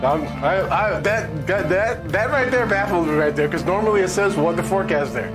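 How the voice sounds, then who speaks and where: A man's voice: high voice, lively intonation, a little fast. A man presenting a mock weathercast, flustered, easily sidetracked and swearing as he ad-libs. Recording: music playing behind the voice.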